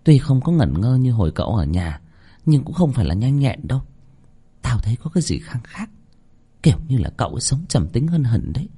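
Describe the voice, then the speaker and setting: A man voicing an older female cook who scolds in quick bursts, in a read-aloud story. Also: mid-range voice, big pitch swings, warm tone, husky. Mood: musing. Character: older woman cook, sharp-tongued, scolding.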